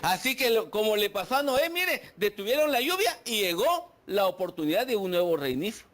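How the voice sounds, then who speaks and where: A man's voice: high-pitched, sing-song, fairly quick, fairly bright tone. A man preaching a sermon, putting questions to the congregation and acting out their complaints. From Guatemala. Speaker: pastor. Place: church.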